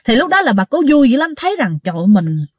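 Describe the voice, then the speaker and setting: A woman telling ghost stories to her listeners in a casual, animated way, acting out the quoted dialogue. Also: on the high side, quick pace, no echo. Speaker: ghost story narrator.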